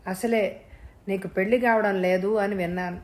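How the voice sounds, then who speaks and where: A woman reading the lines of a hesitant, pushy widowed brother-in-law in a family novel, in a halting, pleading way. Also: mid-range voice, steady tone, close to an everyday voice. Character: grieving widower brother-in-law, man, middle-aged, pushy.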